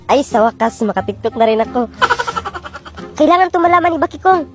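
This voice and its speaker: A woman telling comic skit stories and switching between several characters, loud and shouty in arguments. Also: high voice, lively intonation, brisk. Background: music.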